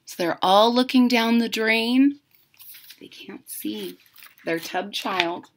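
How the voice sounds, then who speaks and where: Reading a children's picture book in a room at home, this thirties-to-forties woman speaks slowly in a voice on the high side, leaning into dramatic emphasis and dropping in chatty asides, with slight background noise.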